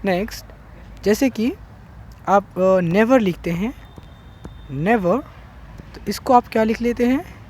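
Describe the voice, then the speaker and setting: A man's voice: sits high, darkish tone. A man teaching an English grammar lesson online, explaining step by step and checking in with "theek hai" often. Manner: slow, repetitive explaining with frequent "theek hai".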